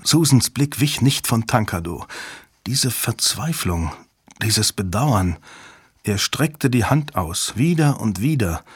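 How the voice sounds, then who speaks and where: Male audiobook narrator, husky, dry studio sound. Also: lowish voice, animated, slow, no echo. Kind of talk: scripted narration.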